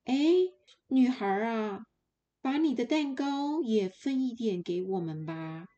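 Kindly forest dwarves for a kids' story, gentle and a bit halting, voiced by a woman narrator. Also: fairly high pitch, dull audio, pitched above the performer's own voice, close to an everyday voice. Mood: coaxing. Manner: gentle, coaxing, a little stammering.

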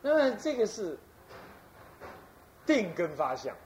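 A man's voice: high-pitched, very animated, takes it slowly, slight background noise. A man from Taiwan, an abbot giving a folksy Buddhist sermon and demonstrating chanting.

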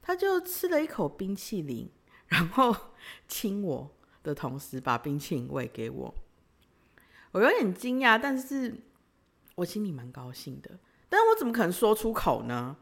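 A woman's voice: medium pitch, wildly swooping pitch, normal speed. A young woman, hosting a podcast and telling a personal story in a playful, teasing way with frequent giggles. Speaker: podcast host.

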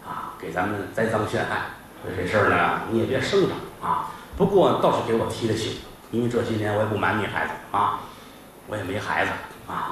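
Guy doing a scheming butcher shop boss, soft confiding tone, faint noise behind. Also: lowish voice, pitched below the performer's own voice. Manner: hushed, coaxing, confiding. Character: scheming middle-aged male butcher shopkeeper. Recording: very echoey live theater, faint noise.

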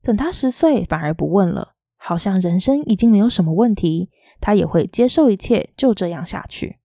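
A woman reading a novel aloud in a soft, quietly lilting storytelling voice. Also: medium pitch, expressive, normal speed, gravelly, no room sound, clean studio sound. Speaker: audiobook reader.

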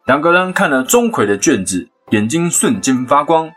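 A man's voice: on the high side, faint music behind. A man with a Taiwanese Mandarin accent, hosting a podcast and chattily retelling a legend with asides. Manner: chatty, animated retelling with quick asides and laughs. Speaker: podcast host, storyteller. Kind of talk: casual storytelling podcast.

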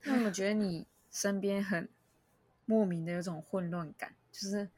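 A woman's voice: medium pitch, fairly even intonation, normal speed, darkish tone, husky, no echo. A woman, co-hosting a podcast and reasoning aloud with questions in casual chat. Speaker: podcast co-host.

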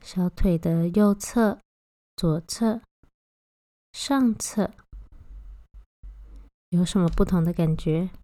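A woman guiding a body-scan meditation, giving gentle, unhurried instructions with long pauses between phrases. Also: lowish voice, dry recording, clean studio sound. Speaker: meditation guide.

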